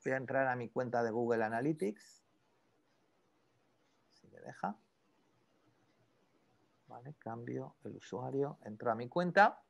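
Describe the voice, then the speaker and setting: A man teaching an online class on e-commerce, conversational and animated, constantly checking in with his students. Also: medium pitch, measured pace, creaky, pauses often. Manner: conversational, peppers speech with "¿vale?"; animated, lively explanations with asides to students. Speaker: e-commerce instructor.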